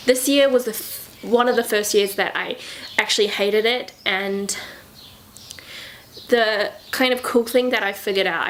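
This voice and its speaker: A woman's voice: medium pitch, fairly bright tone, slight background noise, rough recording. A young woman talking casually and reflectively to the camera in a lifestyle vlog, with many fillers and self-corrections. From Southern Hemisphere. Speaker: lifestyle vlogger.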